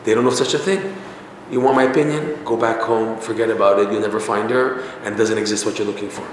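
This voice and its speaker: A man's voice: on the low side, steady tone, fast, far from the mic, lightly acted. A man voicing a boastful king of the wild animals, blunt and dismissive, in an echoey hall with faint noise.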